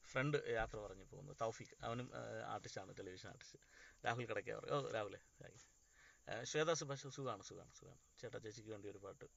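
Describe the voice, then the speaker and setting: A man chats casually on a fan live stream, greeting viewers by name one after another. His voice is bright and gravelly. It comes through dull, lo-fi phone audio. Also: fairly low pitch, fast talker. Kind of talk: casual live chat reading comments.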